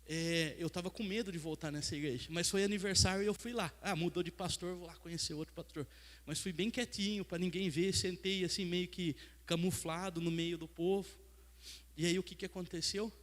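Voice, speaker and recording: A man's voice: sits high, steady tone, a little fast, fairly bright tone. A man in his thirties preaching a sermon, telling his own story and acting out the dialogue. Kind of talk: sermon testimony. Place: church sanctuary. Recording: long church reverb.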